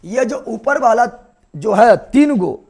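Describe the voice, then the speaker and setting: A young male teacher, giving a classroom biology lecture and drilling students with repeated quick questions. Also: very high voice, animated, vocal fry, a little mellow, slightly rough.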